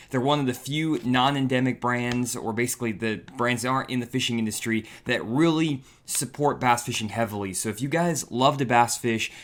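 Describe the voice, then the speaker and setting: A young man hosts a fishing livestream, chatting casually and upbeat as he talks straight to his viewers. His mid-range voice sounds a little raspy and tired.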